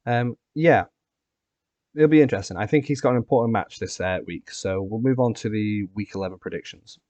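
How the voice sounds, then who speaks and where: Low-voiced man hosting a casual recap. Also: brisk, a little mellow, no echo. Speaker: podcast host and competitive player. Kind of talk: casual recap and predictions chat.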